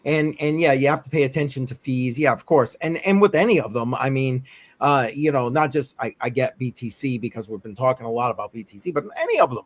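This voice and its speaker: A man's voice: medium pitch, expressive, quick pace. A man with a New England accent hosting a casual crypto livestream chat, rambling and laughing often. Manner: rambling, repeats himself, laughs a lot. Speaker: host.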